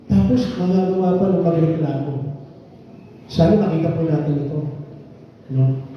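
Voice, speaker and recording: A man preaching a sermon with emphatic swings between loud and soft. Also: high voice, slight background noise. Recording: echoey hall from far off, muffled.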